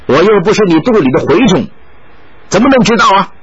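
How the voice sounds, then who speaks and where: A man's voice: high voice, big pitch swings, brisk, muffled recording, pitched above the performer's own voice. A man voicing a sly, grinning young man who teases and taunts. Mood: mocking. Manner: teasing, mocking.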